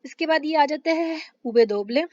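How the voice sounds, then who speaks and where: A woman teaching a language lesson, slowly stretching out syllable drills and mixing English words into her explanations. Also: sits high, a little mellow, dry recording, lo-fi sound.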